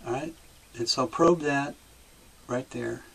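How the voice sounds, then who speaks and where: A man's voice: mid-range voice, takes it slowly, vocal fry, a bit bright, breathy edge, rough recording. A man acting as session monitor, coaxing and prompting the viewer with light laughter. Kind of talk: guiding a session.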